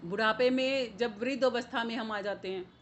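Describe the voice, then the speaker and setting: A woman giving a devotional sermon, explaining verses and chanting couplets in a drawn-out cadence. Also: a little high, a little hiss or hum. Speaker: spiritual preacher.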